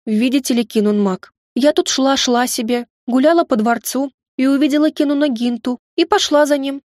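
A woman's voice: high voice, moderate pace, darkish tone, no room sound, studio quality, lightly acted. Woman doing a coy, purring servant girl.

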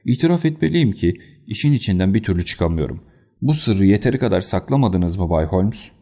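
A low-voiced man voices an anxious colonel with a short temper for an audiobook, and his reading comes across as excitable and agitated.

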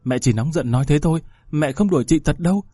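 A man's voice: sits high, lively intonation, normal speed, warm tone, husky, no room sound, studio quality, soft background music, pitched above the performer's own voice. A man voicing a frightened young schoolgirl who pleads and comforts her older sister in a read-aloud story. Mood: tender. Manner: pleading, childlike.

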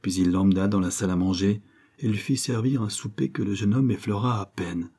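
A man reads a classic novel aloud in a measured, even narration. His voice sits low, dark and mellow. It has a husky edge. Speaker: audiobook narrator.

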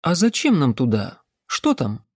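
A man doing a cautious gentle young woman. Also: medium pitch, huge pitch swings, measured pace, husky, no echo, clean studio sound, exaggerated voice. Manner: soft, coaxing, sometimes sharp commands.

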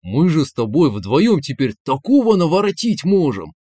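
Brief: male narrator voicing a brash hapless young man, lively pitch, blurting. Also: moderate pace, no room sound, clean studio sound. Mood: excited. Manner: blurting, indignant when flustered. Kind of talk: audiobook character voicing.

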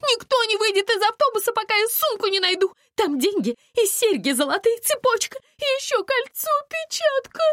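A shrill, hysterical young woman shrieks and whines in a high, swooping voice, as a woman reader puts her on. The sound is close and dry, and the figure comes across as a high-strung bus passenger from a spoken storybook. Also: big pitch swings, normal speed, few pauses, a bit bright, dry recording, heavily acted. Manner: screeching, whiny.

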